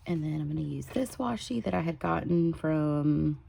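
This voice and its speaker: A woman chatting casually at home while she sets up a weekly planner, sometimes drifting into a soft whisper. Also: low-pitched, animated, moderate pace, gravelly. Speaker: planner vlogger. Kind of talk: casual plan-with-me chat. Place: home desk.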